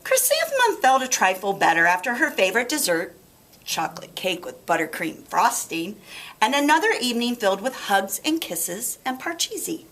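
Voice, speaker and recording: A woman's voice: fairly high pitch, wildly swooping pitch, moderate pace, fairly bright tone. A woman reading a picture book aloud to children in a dramatic, emphatic style. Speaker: storybook reader. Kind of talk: expressive children's read-aloud narration.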